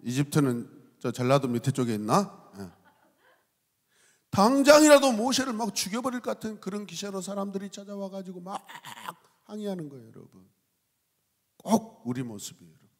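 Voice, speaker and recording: A man's voice: sits high, lively intonation, brisk, pauses often, long reverb tail. A male pastor preaching a youth sermon, teasing and playful, acting out little voices. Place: church sanctuary.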